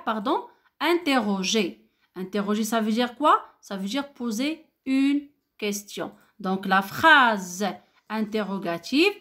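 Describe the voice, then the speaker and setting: A woman's voice: on the high side, a bit bright. A woman with a Moroccan French accent teaching a grammar lesson to young pupils, patient and repetitive, lifting her voice on example questions. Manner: slow, patient, repeats key words, rising question intonation. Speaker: primary school teacher.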